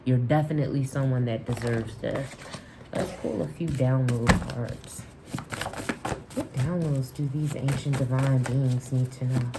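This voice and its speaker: Low-voiced woman giving a tarot reading. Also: steady tone, measured pace, heavy background noise. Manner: affirming, repeats herself, restarts with "and, and". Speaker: tarot reader. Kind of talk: spiritual tarot reading to camera.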